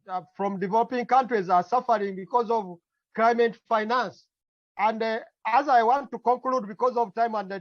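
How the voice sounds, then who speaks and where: A man with a Ugandan accent speaking as a climate activist at a meeting, halting and earnest, often repeating phrases. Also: high-pitched, dry recording. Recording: dull lo-fi call audio.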